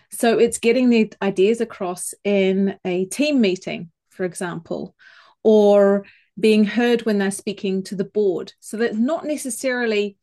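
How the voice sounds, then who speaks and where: This New Zealand woman, a communications coach, is a measured podcast guest in a conversational interview. Her voice is medium-pitched with a darkish tone, and she speaks thoughtfully with small restarts.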